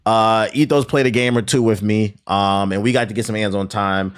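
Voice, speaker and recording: A man's voice: lowish voice, fairly even intonation, normal speed, clean tone. A man hosting a podcast in a casual, profanity-sprinkled conversational way. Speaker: podcast host.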